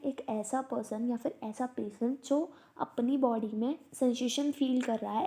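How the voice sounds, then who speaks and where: A woman teaching a study lesson, asking herself questions and answering them, reading quoted passages out slowly. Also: on the high side, mellow, slightly rough. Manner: slow, repetitive, asks herself questions. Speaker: teacher explaining homeopathy texts. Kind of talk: study lecture mixing Hindi and English.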